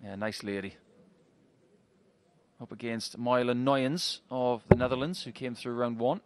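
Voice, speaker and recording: A man's voice: mid-range voice, a little slow, no room sound. A middle-aged man co-commentating on darts, mixing chatty analysis with banter. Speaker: sports co-commentator. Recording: clear background noise from the venue.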